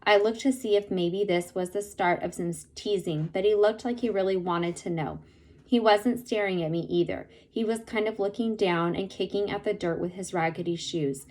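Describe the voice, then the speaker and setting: A woman reading a novel chapter aloud in steady storytelling narration. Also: medium pitch, moderate pace, rough recording. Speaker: reader.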